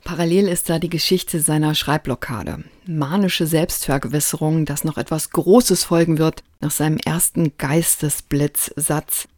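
A woman presents a scripted book review with measured, articulate delivery. Her voice sits slightly low and is recorded dry, with no room sound. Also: fairly even intonation, a little mellow, no room sound.

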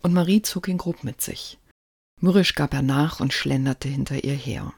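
A narrator reading a story aloud in a calm, even storytelling manner. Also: medium pitch, moderate pace, vocal fry, husky, no echo, clean studio sound.

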